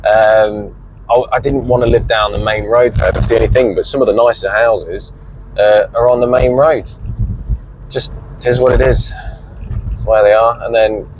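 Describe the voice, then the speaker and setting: A middle-aged man talks casually from inside a moving car. His voice sits on the low side and he rambles along with mild swearing. A faint hum of engine and road noise stays underneath. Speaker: vlogger. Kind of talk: casual driving commentary.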